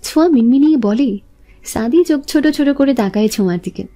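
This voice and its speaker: A woman narrates a romance in a smooth, steady reading voice. Her tone is high and mellow. Soft music plays under the narration. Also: a little fast. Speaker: storyteller.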